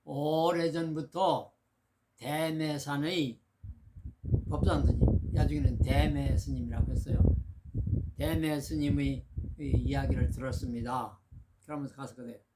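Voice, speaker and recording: A man's voice: medium pitch, steady tone, measured pace, pauses often. A man, a Buddhist monk, giving a dharma talk and retelling Zen anecdotes as he acts out the dialogue. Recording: noisy recording with clicks.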